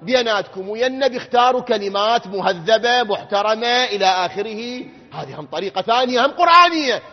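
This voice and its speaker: Fast-talking Iraqi cleric, husky voice. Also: male voice, high-pitched, expressive. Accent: Iraqi Arabic. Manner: swings from quiet explanation to loud emphatic questions. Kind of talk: religious lecture. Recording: lo-fi with long hall reverb.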